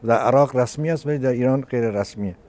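A man's voice: mid-range voice, a little mellow, dry recording. A man hosting an interview, asking questions in a hesitant way with fillers. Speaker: interviewer, program host.

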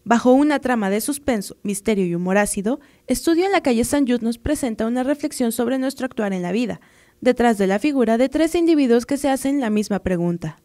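A woman reporter from Mexico reads a scripted news voice-over with a mellow, rather high tone. Her delivery is measured and formal. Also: lively intonation.

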